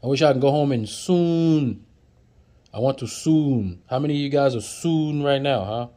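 This man's voice is mellow, medium in pitch and at a normal speed. Seated indoors at a table off camera, he chats through flashcards in a relaxed lesson, saying every word twice and kidding around with his audience.

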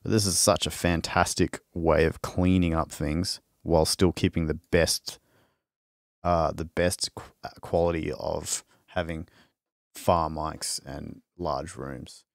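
A man's voice: deep voice, little pitch movement, a little slow, vocal fry, no room sound, clean studio sound. A man casually demonstrating a string sample library on a live stream, talking loosely with restarts as he works and answers questions. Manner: loose and rambling, with restarts while working.

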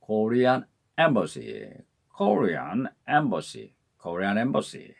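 A man's voice: lowish voice, wildly swooping pitch, very slow, vocal fry, husky. A man teaching travel vocabulary, repeating each word many times and spelling it out letter by letter. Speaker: English teacher. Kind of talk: vocabulary drill lesson.

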